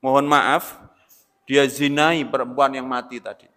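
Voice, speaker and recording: A man preaching an Islamic sermon, swinging between loud emphatic bursts and quiet asides, often addressing listeners as "Pak". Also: medium pitch, steady tone, a little slow. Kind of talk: lecture-style religious sermon. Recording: long reverb of a large hall.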